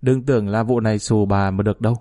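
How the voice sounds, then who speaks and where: A man voicing a fiery, sharp-tongued young woman in a spoken story. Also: lowish voice, steady tone, fast, no room sound, natural voice. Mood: defiant.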